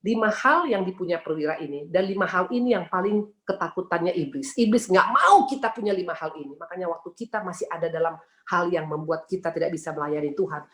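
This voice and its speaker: A woman preaching a sermon at a brisk, rapid pace. She peppers her talk with rhetorical questions and speaks to her listeners as sisters. Her voice carries a roomy echo. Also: on the low side, fairly bright tone. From Indonesia. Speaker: women's ministry speaker.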